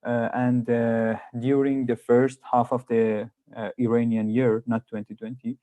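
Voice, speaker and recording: A man, an economist on a webinar panel, answering over a video call in halting speech while he searches for words. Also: mid-range voice, flat delivery, mellow, dry recording. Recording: dry, muffled online call audio.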